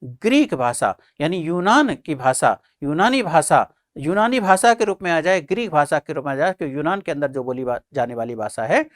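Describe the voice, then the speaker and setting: A man's voice: fairly high pitch, animated, normal speed, few pauses, dry recording, studio quality. A male teacher giving an exam-prep lecture, who keeps posing questions and answering them himself, repeating the key points and calling his listeners friends and children.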